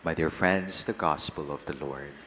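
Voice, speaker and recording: A man with a Filipino accent, a priest reading the gospel and preaching at Mass in slow, measured phrases, his voice ringing with cathedral echo. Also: extremely low pitch, sharp tone. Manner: slow, measured delivery with long pauses. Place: large church. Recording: long church reverb, faint hiss.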